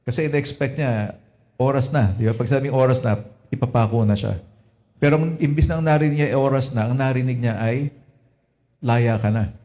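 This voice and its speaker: A Filipino man delivers a sermon in easy Taglish, his voice mellow and dark. He keeps checking in with his listeners through little tag questions as he goes. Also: medium pitch, fairly quick. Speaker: preacher. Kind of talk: Lenten sermon.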